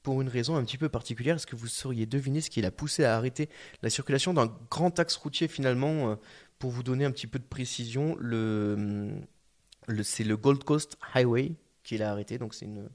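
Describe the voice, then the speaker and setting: A man's voice: medium pitch, fairly quick, darkish tone. Joking French man hosting radio chat. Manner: jokey, laughs often, trailing fillers. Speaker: podcast host. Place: radio studio.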